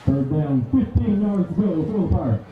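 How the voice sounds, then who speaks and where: A man's voice: a little high, expressive. Echoey stadium PA announcer, male. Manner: formal, drawn-out announcing. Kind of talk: public address announcing. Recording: echoey phone-like stadium PA sound, distant crowd.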